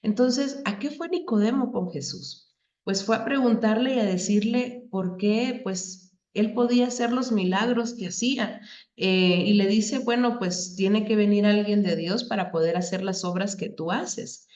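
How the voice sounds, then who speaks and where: A woman's voice: medium pitch, measured pace. Woman teaching a Bible class, echoey. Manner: warm, explanatory, asks the class questions. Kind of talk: Bible lesson. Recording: echoey room, dull lo-fi sound.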